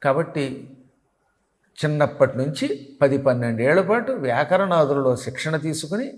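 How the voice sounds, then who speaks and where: A man's voice: a little high, expressive, normal speed. Older man teaching in hall echo. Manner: didactic, demonstrates syllable sounds, chuckles at examples. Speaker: spiritual teacher. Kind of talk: devotional teaching. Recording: long hall reverb.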